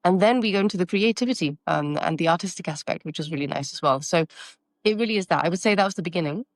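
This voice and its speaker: This marketing consultant, a guest in her thirties, speaks fast in a fairly low pitch on a dry recording. Raised in France with Taiwanese as her mother tongue, she reflects on interview questions, often restarting and using filler words.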